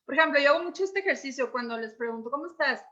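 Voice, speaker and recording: Woman coach, expressive explainer, high bright voice. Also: rapid-fire, dull audio. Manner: expressive, reenacts dialogue. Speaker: emotions coach. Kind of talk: conversational explanation.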